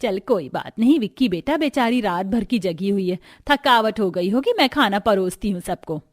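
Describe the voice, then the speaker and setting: A woman's voice: medium pitch, lively intonation, moderate pace, no echo, studio quality, close to an everyday voice. A woman voicing a strict middle-aged mother-in-law who scolds and gives orders. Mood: scolding. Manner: scolding, commanding.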